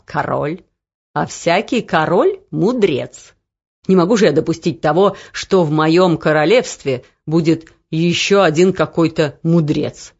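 A woman's voice: low-pitched, darkish tone, breathy edge, lo-fi sound, voice pushed down, heavily acted. A woman voicing a vain, pedantic king in an audiobook. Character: gloomy middle-aged male king, vain, pedantic.

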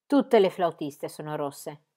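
A woman voicing a gruff, menacing male archer in an audiobook, speaking in slow, clipped replies. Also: low voice, lively intonation, dark tone.

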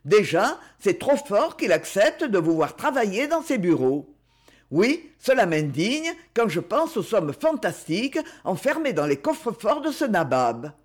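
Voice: mid-range voice, very animated, unhurried. A reader doing an impetuous, gallant young man. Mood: indignant.

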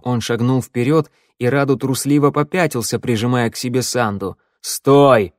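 A man reading a dark fantasy audiobook in a steady storytelling voice, close to the microphone. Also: medium pitch, normal speed, no echo. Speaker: audiobook narrator. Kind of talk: scripted narration.

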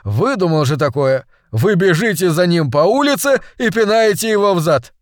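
A man's voice: high voice, big pitch swings, moderate pace, no room sound, studio quality, voice pushed up. Man playing a tired polite constable. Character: weary polite adult male police constable.

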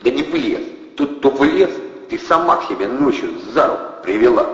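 A man's voice: mid-range voice, moderate pace, voice pushed up, close to an everyday voice. A man reading an audiobook voices a blunt male guard who keeps dropping slang fillers. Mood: grim. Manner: flat, speaks with filler slang. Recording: dull, roomy, long reverb.

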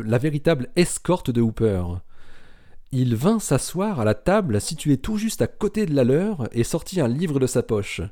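A man reading a novel aloud in a steady, measured narration. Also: medium pitch.

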